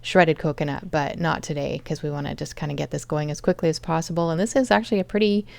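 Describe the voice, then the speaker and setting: Low, gravelly woman chatting through a recipe. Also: steady tone, quick pace, a little mellow. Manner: chatty, explains each step. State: chronic fatigue. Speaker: home cooking vlogger. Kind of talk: casual cooking vlog narration.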